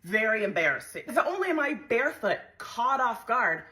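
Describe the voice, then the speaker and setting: A young woman animatedly telling a dramatic, self-mocking story to her phone camera at home, full of quick asides. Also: fairly high pitch, very animated, sharp tone. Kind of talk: casual storytelling vlog to camera. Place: home, indoors.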